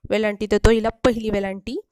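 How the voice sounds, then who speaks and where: A woman teacher giving a patient spelling lesson for children, repeating syllables slowly and stretching sounds. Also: medium pitch, fairly even intonation, a little mellow, no echo.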